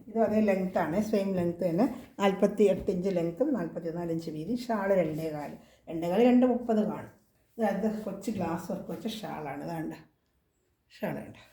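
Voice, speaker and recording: A woman with a Kerala Malayalam accent and a slightly hoarse voice from a cold, chatting casually as she shows clothing for sale. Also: on the low side, brisk, warm tone, roomy sound, a little hiss or hum. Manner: chatty, repeats prices and sizes. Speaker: clothing seller. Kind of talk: casual product showcase.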